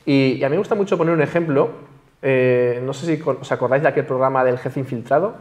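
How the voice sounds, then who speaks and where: A man, a self-esteem coach explaining on a panel talk show, who lively acts out quoted everyday dialogue. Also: mid-range voice, fast.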